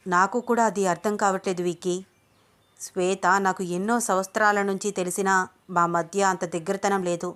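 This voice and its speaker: A woman's voice: medium pitch, fairly even intonation, normal speed, a bit bright, natural voice. A woman voicing a worried young man in love, speaking earnestly in a told story.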